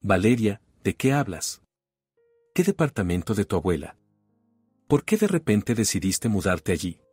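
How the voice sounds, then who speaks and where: A rattled, defensive husband caught out, pitching his words higher and sharper as he pushes back, as a male narrator reads him. Underneath is a low, slightly husky voice, with quiet music faint behind it. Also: sing-song, normal speed, dry recording. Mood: indignant. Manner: agitated, pleading, raised voice. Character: cheating husband, panicky and defensive.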